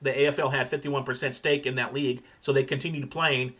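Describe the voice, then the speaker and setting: A man's voice: medium pitch, level tone, fairly quick, fairly bright tone. A man hosting a podcast, chatting casually and rambling, with many fillers and restarts. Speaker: podcast host. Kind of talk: casual conversation. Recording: dull lo-fi sound.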